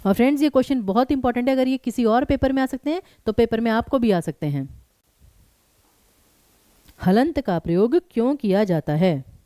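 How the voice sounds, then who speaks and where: Lively woman teacher, dry close sound. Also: a little high, moderate pace, dry recording. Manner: animated, addresses students directly. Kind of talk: live online exam-prep class.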